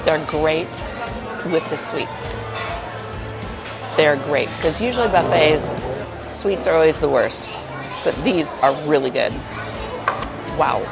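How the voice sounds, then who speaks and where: A woman with a deep, expressive voice and vocal fry reviews food to camera slowly, pausing often as she exclaims playfully between bites. She's inside a busy buffet restaurant, with crowd chatter and music behind her.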